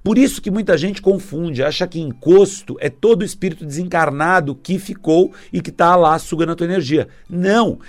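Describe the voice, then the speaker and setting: A man giving a casual spiritual talk to viewers, animated and acting out little scenes. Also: on the high side, moderate pace, hardly any pauses. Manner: animated, acts out little scenes with put-on voices.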